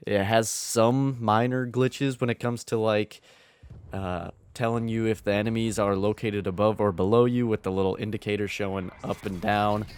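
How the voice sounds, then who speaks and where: Low-voiced man, groggy morning commentary. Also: clear, resonant tone. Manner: easygoing, chatty. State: early-morning voice. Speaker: gaming video creator. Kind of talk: gameplay commentary voice-over.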